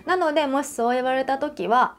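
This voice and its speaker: High-voiced woman counselor giving emphatic advice. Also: brisk, slight background noise. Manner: emphatic, addresses viewer directly; uses everyday examples and questions. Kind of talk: advice talk to camera.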